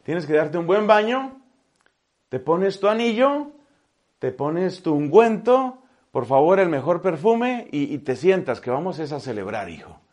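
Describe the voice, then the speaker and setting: A man preaching a sermon gives voice to God as a loving, forgiving father, speaking gently and intimately. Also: medium pitch, big pitch swings, a little slow, long pauses, breathy edge. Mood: festive.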